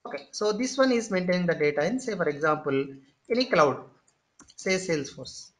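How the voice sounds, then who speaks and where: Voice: mid-range voice, expressive. Patient, repetitive tech instructor. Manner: explains step by step, often pausing with "okay" and "say"; repeats and restarts phrases while thinking. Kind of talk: screen-share tutorial lecture.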